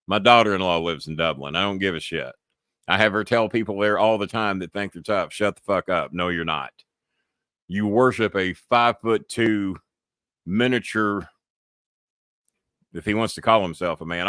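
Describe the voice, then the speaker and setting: A man's voice: on the low side, fairly bright tone, no room sound, studio quality. A middle-aged American man hosting a live-stream show, rambling bluntly and cursing freely in a casual monologue. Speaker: podcast host.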